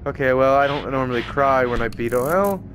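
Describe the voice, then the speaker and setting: A man's voice: mid-range voice, a little fast, fairly bright tone, slight background noise. A man giving casual game commentary as a streamer, crude and sarcastic, swearing freely. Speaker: gaming streamer. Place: indoors, game audio and music behind the voice.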